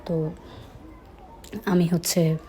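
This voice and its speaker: A woman's voice: lowish voice, little pitch movement, very slow, mellow, slight background noise. A young woman from Chittagong with a slight Chittagong Bengali accent, telling a first-person story in a conversational way with frequent hesitations. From Chittagong, Bangladesh.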